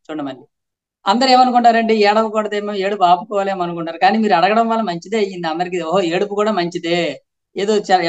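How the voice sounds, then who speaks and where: A man with a Telugu accent, a spiritual teacher giving a casual talk that answers questions and acts out quoted voices. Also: sits high.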